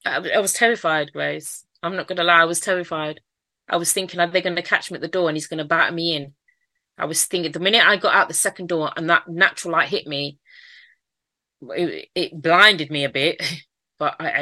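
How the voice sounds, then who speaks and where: A Mancunian woman from Manchester, England, tells her life story candidly in an interview, often repeating phrases and laughing now and then. Her voice is on the low side, pushed and bright, with no echo.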